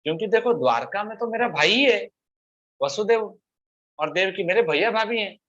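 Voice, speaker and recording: A man's voice: sits high, lively intonation, normal speed, a bit bright, pitched above the performer's own voice. A man voicing a devoted older queen mother who speaks in an earnest, pleading way. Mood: worried. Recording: dull lo-fi recording.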